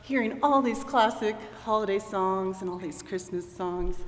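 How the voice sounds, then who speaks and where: A woman's voice: medium pitch, normal speed. A woman doing playful, mock-earnest stage banter in front of a concert audience, at times dropping into stage whispers. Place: large church before an audience. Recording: long echo in a large hall.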